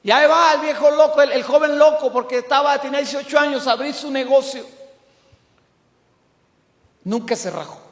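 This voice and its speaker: A middle-aged Mexican man preaching a sermon as pastor, emphatic, swinging from loud to hushed. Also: extremely high pitch, moderate pace, pauses often. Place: church hall. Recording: echoey church hall.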